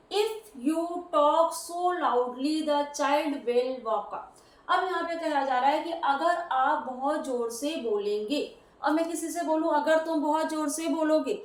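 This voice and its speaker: High-voiced woman teaching grammar. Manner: patient, explains step by step. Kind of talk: classroom grammar lesson. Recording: roomy echo, voice from a distance.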